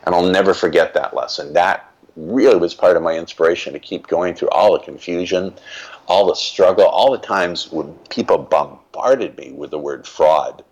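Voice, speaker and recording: A man's voice: low-pitched, moderate pace, darkish tone, slightly rough, highs cut off. An older man, a guest in an interview, telling stories from his life in a reflective, emphatic way. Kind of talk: reflective storytelling.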